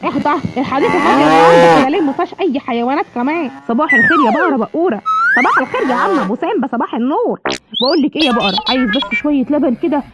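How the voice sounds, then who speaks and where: A woman with an Egyptian accent voicing a hasty male lion father who cooks, talking fast to himself. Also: high voice, very animated, over loud music. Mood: bustling. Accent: Egyptian Arabic. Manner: fast, bustling, talks to himself. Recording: dull lo-fi, clear background noise.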